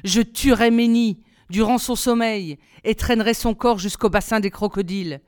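A woman reading aloud, voicing a cold, scheming palace woman plotting murder in a quiet, deliberate way. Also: a little high, clean tone, dry recording, clean studio sound, lightly acted. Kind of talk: storybook reading.

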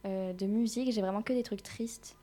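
A woman hosting a relaxed radio music show, chatting with guests and laughing often between lots of fillers. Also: mid-range voice, moderate pace. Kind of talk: casual radio chat.

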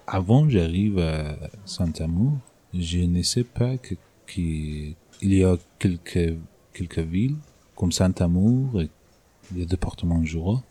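A young man speaking haltingly about his life, with many restarts and fillers. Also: deep voice, animated, dark tone, husky. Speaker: interviewee. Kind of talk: casual personal talk in halting French.

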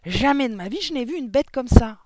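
A man's voice: animated, fairly quick, a little mellow, no room sound, clean studio sound. A man reading an audiobook voices a small, defiant schoolgirl who protests her innocence. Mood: indignant. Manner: high pleading protests.

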